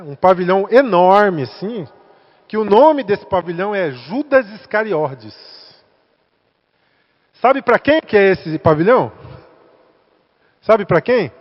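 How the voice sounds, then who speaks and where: Unhurried and pausing frequently, a guest speaker with a Brazilian Portuguese accent addresses spiritist center workers in a high, lively voice. He talks conversationally and asks the audience questions. The recording is echoey and lo-fi, with a dull sound.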